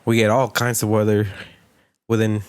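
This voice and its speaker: A man talks in a low voice, rambling and trailing off as he thinks aloud on a podcast. His delivery is loose and hesitant, with plenty of fillers. The sound is dry and close. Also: monotone, moderate pace, clear, resonant tone, no room sound. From Texas. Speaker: podcast co-host. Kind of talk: casual chat.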